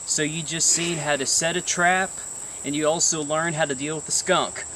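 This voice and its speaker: A man hosting an outdoor how-to vlog, talking to the camera with excited, folksy exclamations. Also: a little high, moderate pace, slight background noise, rough recording. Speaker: vlog host.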